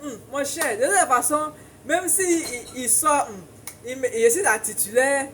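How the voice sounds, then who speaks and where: Emphatic high-voiced Ivorian woman. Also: unhurried, a bit bright, a little hiss or hum. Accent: Ivorian French. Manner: emphatic, preachy, laughs often, repeats for emphasis. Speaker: relationship advice commentator. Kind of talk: casual advice monologue to viewers.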